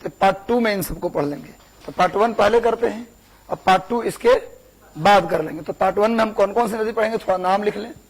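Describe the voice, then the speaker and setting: A man's voice: sits high, fairly quick, vocal fry, slightly rough, low-quality recording. A young man, teaching a class, repeating words for dictation and asking the students questions. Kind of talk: classroom lecture.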